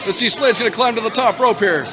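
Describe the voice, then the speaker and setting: A man calling live pro wrestling play-by-play as an excitable announcer who exclaims at the big moves. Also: very high voice, fast. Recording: loud crowd noise behind commentary. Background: wrestling crowd.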